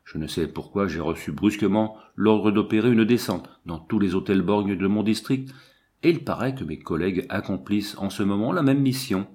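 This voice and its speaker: Casual: guy reading as a fussy little police commissioner, pompous and chatty, kinda low voice, storybook style. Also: moderate pace, a little mellow, close to an everyday voice. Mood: bluff, chatty. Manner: chatty, self-important, confiding.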